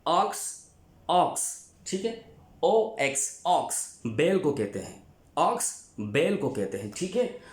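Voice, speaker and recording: A male teacher from Pakistan giving a vocabulary lesson, repeating each word and spelling it out letter by letter. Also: fairly high pitch. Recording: echoey room.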